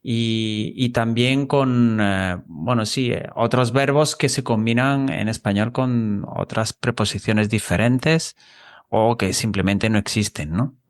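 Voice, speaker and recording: A man's voice: on the low side, slow pace. A man hosting an interview. He is a Spanish teacher and talks hesitantly, with many fillers and tag questions. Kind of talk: casual interview chat.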